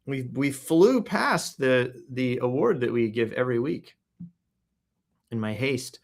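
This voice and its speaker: A man hosting a casual news read-through, joking around, clearing his throat often and making sound-effect noises between stories. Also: medium pitch. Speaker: host reading the news.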